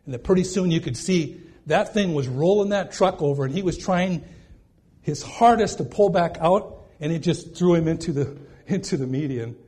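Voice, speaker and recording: Man, husky voice pitched a bit high, casual rambling sermon delivery. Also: moderate pace, warm tone. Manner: folksy, rambling, repeats "okay?" for emphasis. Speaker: preacher.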